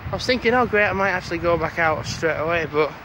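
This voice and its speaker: A man's voice: fairly high pitch, expressive, fast, background noise. A young man, vlogging as he walks along a street outdoors, rambling to a handheld camera. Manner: rambling, chatty, talks to the camera while walking. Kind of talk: casual walking vlog. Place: outdoors on a quiet street before dawn.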